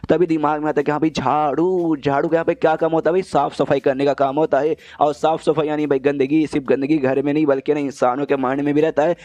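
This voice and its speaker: A man narrates a comic story in a loose, chatty style. His voice sits a little high with a mellow, warm tone. He rattles along at a rapid clip, calling the listener "brother" again and again. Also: flat delivery. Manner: chatty, says "bhai" in nearly every line. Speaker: manhwa recap narrator. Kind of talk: casual story recap.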